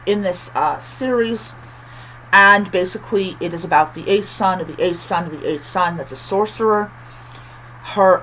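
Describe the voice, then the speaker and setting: A book reviewer chatting casually with a lisp and whistling s from missing teeth, halting often and repeating phrases. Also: mid-range voice, fairly bright tone, slight background noise, low-quality recording.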